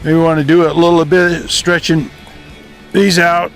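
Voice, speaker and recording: A man with a slightly raised voice coaches riders outdoors. He walks them through each move patiently, in loose, halting phrases. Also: on the high side, little pitch movement, faint music behind. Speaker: riding coach. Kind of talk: hands-on outdoor instruction. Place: outdoors on a desert training ground.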